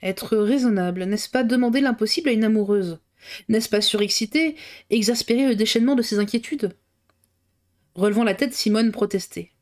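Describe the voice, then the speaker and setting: A woman's voice: fairly high pitch, moderate pace, darkish tone. A woman reading a classic novel aloud on a livestream, narrating steadily and correcting herself now and then. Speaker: reader.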